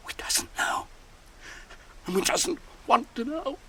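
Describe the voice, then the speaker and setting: An actor playing the wretched creature Smeagol in a radio drama, with a gravelly, hissing, whining voice that swings from fawning whimpers to shrieks. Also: male voice, very high-pitched, animated, slow, sharp tone, in a whisper, full character voice. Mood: pleading. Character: wretched wheedling creature, cringing and treacherous.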